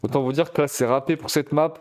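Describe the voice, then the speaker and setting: A man casting a competitive shooter match live, chatty and excitable, talking straight to his viewers. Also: a little high, fast talker. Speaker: esports caster. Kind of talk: live game commentary.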